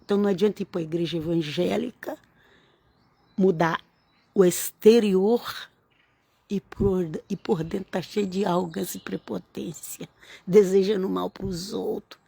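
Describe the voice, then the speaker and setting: A woman's voice: lowish voice, steady tone, normal speed, vocal fry, dark tone, husky, dry recording. A woman, giving an informal, earnest sermon-style talk to camera and repeating phrases for emphasis. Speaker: religious vlogger.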